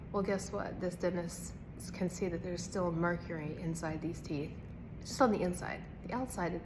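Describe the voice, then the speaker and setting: A woman's voice: on the low side, noisy background. A woman recovering the day after dental surgery, talking to the camera in an earnest, emphatic, rambling personal vlog. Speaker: health vlogger.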